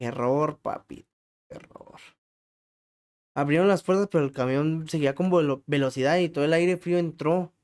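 A man's voice: on the high side, fast, few pauses, darkish tone. Joking Mexican man telling crude stories. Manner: crude slang, self-mocking, laughs at his own stories. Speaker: podcast host. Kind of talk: casual comic storytelling monologue.

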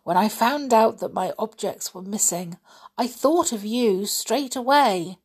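A gentle girl fairy with a soft, pleading storybook lilt, as a woman reading aloud puts her on. The voice moves slowly, with a gravelly, husky edge. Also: a little high. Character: kind gentle girl fairy, snow queen.

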